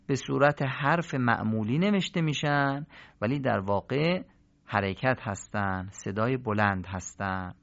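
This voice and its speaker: Male Quran recitation teacher, mid-pitched, explanatory lesson delivery, muffled lo-fi sound. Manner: explanatory, asks rhetorical questions and answers them. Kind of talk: recorded lesson. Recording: dull lo-fi audio.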